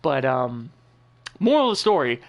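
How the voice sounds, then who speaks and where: A man's voice: medium pitch, sing-song, normal speed, gravelly, lo-fi sound. A young man giving casual gameplay commentary as a channel host, rambling and loose with lots of filler words and the odd swear.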